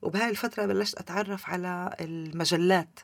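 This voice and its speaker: Fast-talking Levantine Arabic woman with slight creak. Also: lowish voice, fairly even intonation, no echo. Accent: Levantine Palestinian Arabic. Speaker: interview guest. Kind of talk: personal storytelling in a conversational interview.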